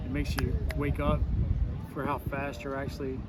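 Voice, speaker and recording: A man's voice: mid-range voice, monotone, moderate pace. A man chatting casually about riding in a matter-of-fact way. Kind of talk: casual chat. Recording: noisy outdoor background.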